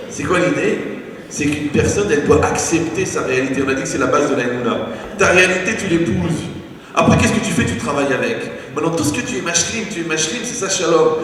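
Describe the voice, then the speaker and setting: A man, a rabbi, giving an animated, joking lecture sprinkled with Hebrew terms. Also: fairly high pitch. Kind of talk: humorous spoken lecture. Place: lecture hall. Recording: echoey hall from far off, faint noise.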